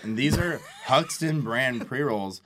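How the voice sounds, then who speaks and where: A man co-hosting a casual chat, blunt and teasing, reacting quickly to the others. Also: medium pitch, expressive, a bit bright, slight background noise. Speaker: podcast co-host.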